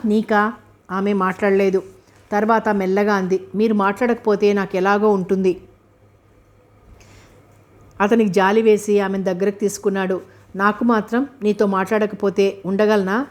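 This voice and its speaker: A woman narrates a novel chapter, reading both the story and the characters' dialogue. Her voice stays flat and level, with little rise or fall in pitch, and moves along at a steady reading pace.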